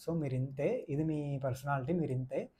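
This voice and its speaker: A man's voice: fairly high pitch, moderate pace, dark tone, breathy edge. A man giving a casual, opinionated review of a reality show, mixing in English words and repeating his points for emphasis. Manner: mixes English words into speech.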